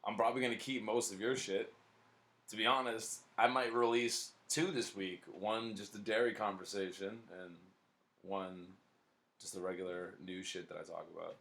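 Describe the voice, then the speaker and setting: Male podcast host, lowish voice, blunt and profane in casual chat. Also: level tone, moderate pace, creaky, a bit bright.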